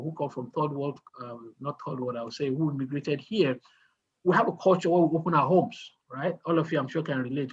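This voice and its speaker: A man's voice: on the high side, breathy edge, dull audio. A man, mentoring a group in casual talk on a video call, asking questions and telling stories with many restarts. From Nigeria.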